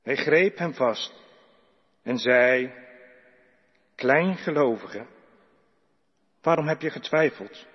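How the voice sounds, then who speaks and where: A man reading Bible passages aloud in a slow, measured, solemn way in church. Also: medium pitch, expressive, husky. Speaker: scripture reader. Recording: echoey church hall, dull lo-fi sound.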